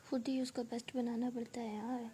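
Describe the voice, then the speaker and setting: A woman casually chatting on a phone live stream, reading viewer comments aloud in a soft, half-whispered, playful way. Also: a little high, flat delivery, a little fast.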